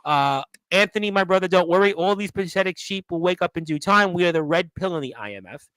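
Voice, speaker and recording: Speaking fast in a high-pitched, bright, forceful voice, this man runs a wrestling radio program and casually reads out viewer comments, responding to each as it comes in. His tone is clean, and the recording is dry and close with no room sound.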